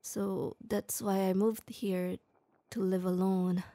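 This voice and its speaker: Close to the mic, a young woman plays a shy tomboy for an ASMR roleplay directed at the listener; the character is gruff but kind and stammers hesitantly. Her mellow mid-range voice moves little in pitch and stays slow.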